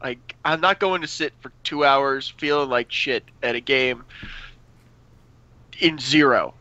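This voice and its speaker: American podcast co-host, sarcastic and mock-indignant; bright, forceful voice, dull lo-fi line. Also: male voice, medium pitch, measured pace. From United States. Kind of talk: casual podcast chat. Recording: dull, dry lo-fi sound.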